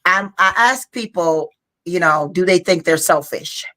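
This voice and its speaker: A woman with a fairly low voice speaks at a measured pace in a bright, forceful tone while co-hosting a podcast. Though tired and yawning after a long day, she keeps chatting casually, frankly and talkatively, saying "you know" often.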